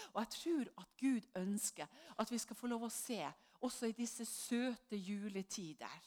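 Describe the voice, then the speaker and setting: A middle-aged woman preaching a sermon in a mid-range voice. She tells a personal story with sudden rises in pitch and volume as she acts out the people in it, then drops back to a low, soft tone. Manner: lively storytelling, acts out quoted voices with jumps in pitch and loudness.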